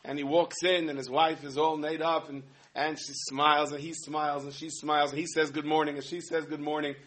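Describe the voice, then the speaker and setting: A man giving a humorous sermon, telling stories in an animated way with many asides. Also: on the high side, brisk. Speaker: rabbi giving a talk.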